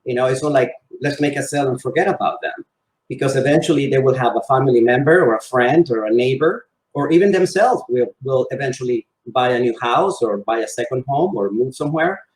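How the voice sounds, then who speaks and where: This interview guest, a Spanish-speaking real estate salesman with roots in Venezuela and Spain, talks in a mid-range voice at a slightly quick pace. The room is roomy and the sound echoes as he answers conversationally.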